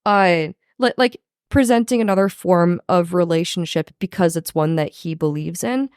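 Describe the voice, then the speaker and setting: A woman co-hosting a podcast in casual chat, with a hoarse voice, who swears a lot and jumps up high when she gets excited. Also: moderate pace, no echo, clean studio sound. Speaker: podcast co-host.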